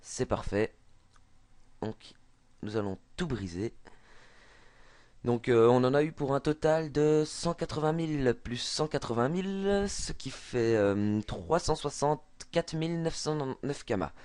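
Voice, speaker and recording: A man's voice: mid-range voice, lively intonation, unhurried, a little mellow, clean tone, no room sound. A man with a Belgian French accent explaining a game trick over a screen recording, hesitant with many fillers and restarts. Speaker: gaming tutorial maker.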